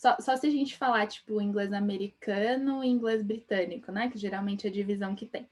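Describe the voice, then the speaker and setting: Brisk and fairly even in intonation, her mid-range, slightly mellow voice carries an interior São Paulo Portuguese accent. The young Brazilian woman teaches English on a chatty live stream, laughing often and tagging questions onto her lines.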